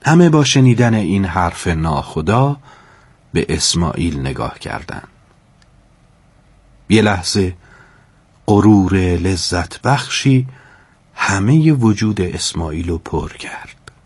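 A male storyteller reads a children's tale aloud. His voice sits low and his delivery is calm and measured, slowing down with dramatic pauses at tense moments. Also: husky, no echo. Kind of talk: storybook narration.

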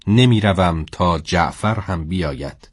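A man voicing a calm, dignified religious leader in an audio storybook, speaking in a quiet, measured way. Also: low voice, breathy edge, no room sound, studio quality, voice pushed down.

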